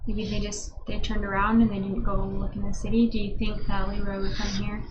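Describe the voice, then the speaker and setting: A woman's voice: mid-range voice, completely flat delivery, a little fast, dull audio, background noise. A woman playing a tabletop role-playing game, pressing the group with insistent questions. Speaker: player.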